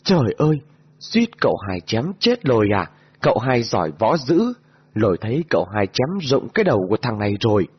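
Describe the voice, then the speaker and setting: A man's voice: a little fast, slightly rough, lo-fi sound. Man doing a frantic loyal servant. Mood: pleading. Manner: excited, exclamatory, raised pitch. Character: loyal highland male servant, frantic and pleading.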